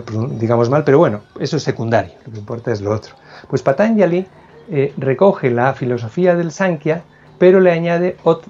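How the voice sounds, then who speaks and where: A man's voice: mid-range voice, a little mellow, muffled recording. A man, a philosophy scholar, explaining ideas as an interview guest, thoughtful and prone to restarts and self-corrections.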